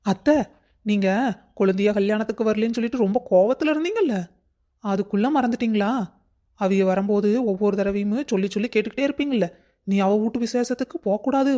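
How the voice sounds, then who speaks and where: A woman's voice: mid-range voice, quick pace, dark tone, natural voice. A woman voicing a crafty young daughter-in-law in a cartoon story. She sweet-talks and puts on tearful pleading. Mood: scheming. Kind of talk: cartoon voice acting.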